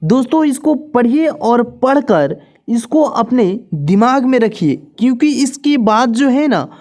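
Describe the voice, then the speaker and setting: A woman with a fairly high voice runs a beginner reading lesson at a very slow, deliberate pace. She names each letter patiently and repeats it for her viewers. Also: sing-song, darkish tone. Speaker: teacher.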